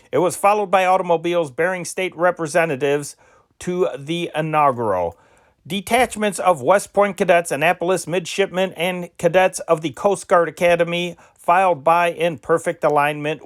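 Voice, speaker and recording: A man with a slightly high voice reads old newspaper dispatches aloud like an amateur newsreader. His delivery is steady and deliberate, and he corrects the occasional slip.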